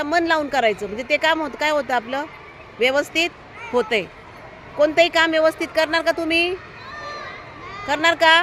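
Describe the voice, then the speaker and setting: At a school where traffic can be heard outside, a teacher reads a story to young children and peppers them with questions to coax out answers, her instructions firm yet encouraging. The woman's high, pushed, bright voice comes with slight background noise.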